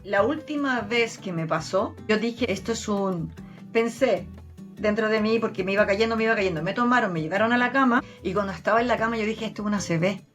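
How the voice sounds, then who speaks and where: Chilean woman, interview guest, mid pitch, earnest storytelling, faint music under. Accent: Chilean Spanish. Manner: earnest, animated retelling with many restarts. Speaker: guest, therapist and medium.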